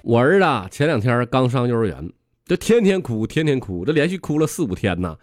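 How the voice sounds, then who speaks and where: A man's voice: medium pitch, very animated, fairly quick, no echo, studio quality, faint music behind. A man with a Northeastern Mandarin accent hosting a comedy show, telling jokes with salty banter and laughing at his own punchlines. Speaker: comedy podcast host. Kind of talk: comic joke-telling monologue.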